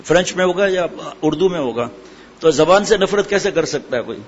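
A middle-aged man preaches a sermon in a high-pitched voice with lively intonation, posing questions to his listeners and answering them himself. The recording sounds dull, with hall echo and faint background noise.

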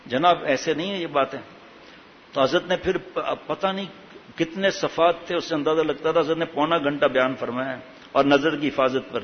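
A man's voice: on the high side, slight background noise. A man preaching a sermon with passion, asking the listeners many rhetorical questions. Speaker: religious preacher. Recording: echoey hall, dull lo-fi sound.

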